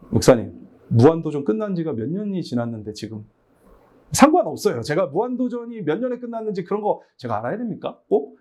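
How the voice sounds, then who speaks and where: A middle-aged pastor lectures church teachers in a lively, storytelling way. His voice sits a little high but sounds dark and mellow, and his pitch swings widely as he acts out both sides of conversations with kids. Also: slightly rough. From Busan, South Korea. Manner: animated, acts out both sides of dialogues with children. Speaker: pastor leading a teacher workshop.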